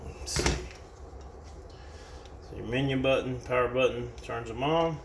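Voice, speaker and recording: Speaking at a measured pace with a medium pitch and noticeable vocal fry, an American man reviews a product through a relaxed hands-on demonstration. He keeps it plain-spoken and improvised, recorded on a distant, roomy mic that catches background noise.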